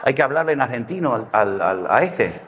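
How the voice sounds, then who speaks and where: A man's voice: mid-range voice, sing-song, a little fast, a bit bright, a faint crowd, a little hiss or hum. A man preaching a conversational sermon, full of anecdotes, who often closes a point with a questioning "no?". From Canary Islands, Spain. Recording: long hall reverb.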